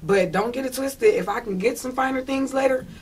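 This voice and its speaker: Speaking fairly quickly in a high-pitched, slightly rough voice, this Detroit woman is a casual interview guest with a Detroit accent. She's emphatic and slangy, frequently making sure the listener keeps up.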